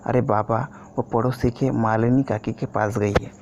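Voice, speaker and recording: A man's voice: medium pitch, fairly even intonation, normal speed, darkish tone, close to an everyday voice. A man reading the part of a timid young woman, a reluctant bride-to-be who speaks hesitantly. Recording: dull lo-fi recording, faint hiss.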